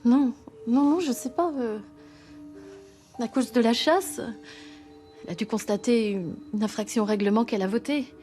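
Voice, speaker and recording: A woman plays a wary witness being questioned in a TV crime series. Her voice is mellow and slightly high, and her answers falter hesitantly over faint music. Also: normal speed, long pauses, natural voice. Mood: uncertain. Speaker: actor in a police series. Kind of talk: naturalistic TV crime drama acting.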